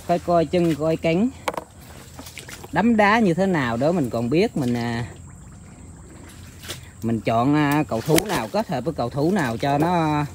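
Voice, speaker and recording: A man talking casually to his viewers outdoors, rambling with many filler pauses. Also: a little high, darkish tone, a little hiss or hum. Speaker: bird-trapping vlogger. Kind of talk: casual outdoor vlog narration. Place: outdoors in countryside.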